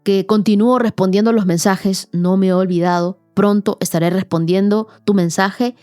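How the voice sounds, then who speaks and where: Woman, devotional podcast host, earnest, emphatic, warm tone, soft music behind. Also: mid-range voice, fairly even intonation, smooth, dry recording. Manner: earnest, emphatic, slows for key phrases. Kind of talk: devotional teaching and prayer.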